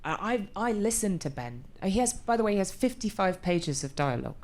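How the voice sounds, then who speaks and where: A woman's voice: mid-range voice, sing-song, brisk, darkish tone. A woman in her forties being interviewed about her acting work, thoughtful and often restarting as she searches for words. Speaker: actor, interview guest. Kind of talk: conversational interview.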